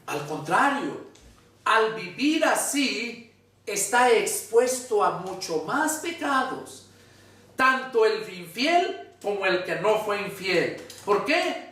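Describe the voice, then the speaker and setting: A man preaching a sermon as pastor, asking rhetorical questions and reading scripture aloud with slow, deliberate delivery. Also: high voice, sing-song, pushed and bright, recorded from a distance. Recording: echoey room, voice from off-mic.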